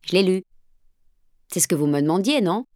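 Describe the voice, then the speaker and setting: A woman's voice: fairly low pitch, expressive, moderate pace, darkish tone, no room sound, studio quality, close to an everyday voice. A woman voicing a sullen, scornful teenage boy who answers in curt, dismissive retorts.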